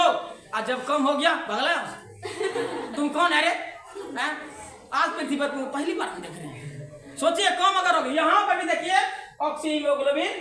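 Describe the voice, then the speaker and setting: A woman's voice: high voice, sharp tone, roomy sound. A woman science teacher, giving an online class in a playful call-and-response way and laughing often.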